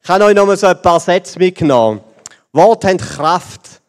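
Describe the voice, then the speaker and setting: Playful Swiss preacher with a high voice. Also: male voice, normal speed. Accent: Swiss German. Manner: playful, animated, addresses the children directly. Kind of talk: children's sermon. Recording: long reverb of a large hall.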